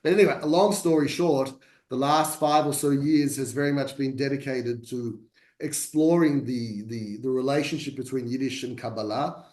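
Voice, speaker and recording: A man from Australia, working as a translator, talks conversationally as a video-call guest in a mid-range, darkish voice at a moderate pace. He frequently starts over and is self-deprecating, recorded with a roomy sound.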